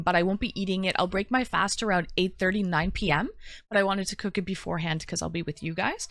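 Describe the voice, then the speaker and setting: Speaking at an ordinary mid-range pitch with a Canadian accent and a slightly bright tone, a woman hosts a casual livestream, greeting viewers and talking straight to them while often repeating short phrases. The recording is close and dry with no room sound.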